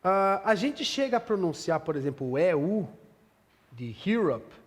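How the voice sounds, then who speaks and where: Slow, patient Brazilian English teacher. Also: male voice, sits high, sing-song, in a large hall. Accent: Brazilian Portuguese. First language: Portuguese. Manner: repetitive, drilling pronunciation, checks understanding often. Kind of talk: classroom lesson explanation.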